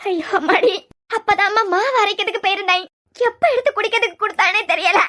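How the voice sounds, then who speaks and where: A very high-pitched, fast-wailing cartoon grandmother with a Kanyakumari Tamil lilt, as a woman puts her on. She laments and pleads in a rapid, shrill rush. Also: bright, forceful tone. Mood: pleading. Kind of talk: cartoon serial voice acting.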